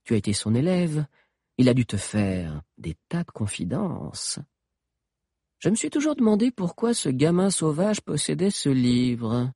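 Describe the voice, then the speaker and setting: A man's voice: medium pitch, dark tone, dry recording, studio quality, voice pushed up. A man reading an audiobook and voicing a cruel, scheming sorceress queen with a mocking, menacing manner. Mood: probing. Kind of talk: audiobook character voice.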